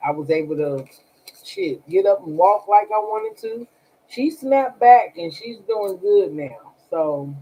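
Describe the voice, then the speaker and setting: A woman's voice: low voice, warm tone, a little hiss or hum, rough recording. A woman chatting casually on a livestream as a tarot reader, blunt and profane, talking straight to her viewers. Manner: blunt and profane, talks to chat directly.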